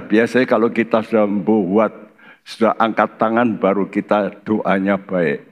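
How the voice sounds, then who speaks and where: Slow, low-voiced older Javanese pastor. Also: male voice. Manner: folksy storytelling, acts out voices in his stories. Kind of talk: sermon. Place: church.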